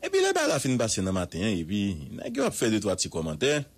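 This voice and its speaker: Husky, animated Haitian commentator man. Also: fairly low pitch. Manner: emphatic, drawn-out repetitions, proverbs and rhetorical questions. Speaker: radio news commentator.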